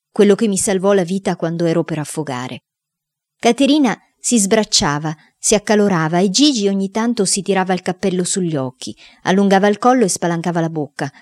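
A woman with a fairly low voice reads a children's storybook aloud, telling it expressively in the first person as a young boy. The recording is dry and close, with no room sound. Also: a little mellow, no room sound. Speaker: narrator reading a children's novel. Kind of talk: scripted audiobook narration.

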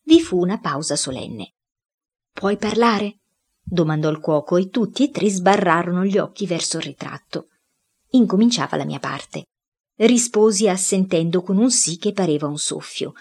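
Husky woman reading a story aloud. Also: on the low side, animated, normal speed, darkish tone. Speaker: reader. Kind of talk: audiobook reading of a boy's first-person diary.

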